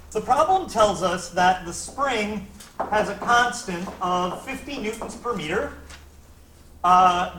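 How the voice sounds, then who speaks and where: A man's voice: high-pitched, pushed and bright. Man, physics teacher mid-lecture, keeps checking understanding; recorded from across a roomy classroom. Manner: checks in often with "right?" and "okay?". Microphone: camera at a distance. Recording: echoey classroom, distant mic, faint noise.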